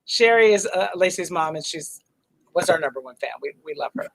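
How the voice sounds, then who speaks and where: A woman's voice: on the low side, expressive, fairly quick, poor audio. A woman hosting a livestreamed theater cabaret, chatting in a bubbly way and reading out viewer comments. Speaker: host of a livestreamed cabaret show. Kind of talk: casual live-stream chat.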